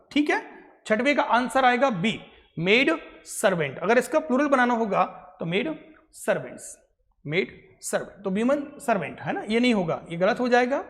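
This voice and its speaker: A man's voice: very high voice, big-room sound. A male English grammar teacher gives a classroom lecture in Hindi mixed with English. He keeps repeating answers and checking in with short tag questions. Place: coaching classroom.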